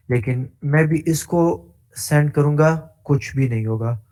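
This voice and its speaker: A male instructor walking through a coding tutorial step by step, pausing with frequent hesitations and mixing English tech terms into his speech. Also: medium pitch, darkish tone. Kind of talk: screen-share coding tutorial.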